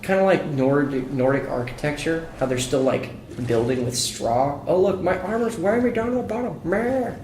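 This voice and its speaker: A man's voice: on the high side, expressive, normal speed, hardly any pauses, darkish tone. A young man co-hosting a gaming podcast, joking and calling out what he sees in the game as he plays. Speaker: podcast co-host playing a video game. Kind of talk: casual gaming commentary. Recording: echoey room with faint noise.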